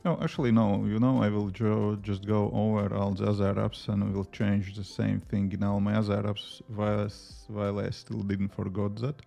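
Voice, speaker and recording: Talking at normal speed with hardly any pauses, a man uses a low, mellow voice with vocal fry and flat delivery over soft background music. He is a native Latvian speaker with a Latvian accent, a livestreaming app developer chatting casually on a coding stream, rambling with many fillers as he answers chat questions while working between tasks.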